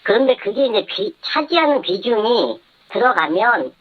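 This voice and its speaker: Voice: medium pitch, big pitch swings, moderate pace. A former travel agency head giving a candid radio interview by phone, with the voice disguised electronically to keep the speaker anonymous. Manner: candid, matter-of-fact, short replies. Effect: voice disguised by electronic modulation for anonymity. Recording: dull lo-fi phone line.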